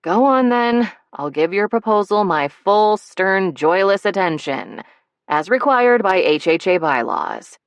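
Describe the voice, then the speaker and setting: A woman's voice: mid-range voice, expressive, measured pace, no echo, voice pushed up. A woman narrator voicing a flustered adult woman who answers with sardonic, exasperated wit. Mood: mock-stern.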